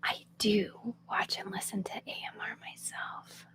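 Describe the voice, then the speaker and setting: Speaking unhurriedly into her phone, an Oklahoma woman in her youth runs a live ASMR stream, softly whispering answers to viewer questions with plenty of laughs along the way.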